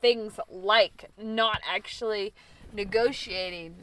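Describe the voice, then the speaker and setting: A woman co-hosting a podcast in casual chat, chatty and quick to jump in with laughs. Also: mid-range voice, fairly even intonation, fairly bright tone, low-quality recording. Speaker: podcast co-host.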